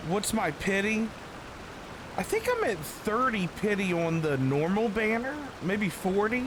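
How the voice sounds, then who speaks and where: A game streamer chats casually with his viewers, rambling and repeating himself. His high, sing-song voice keeps a measured pace over a noisy background with faint game music.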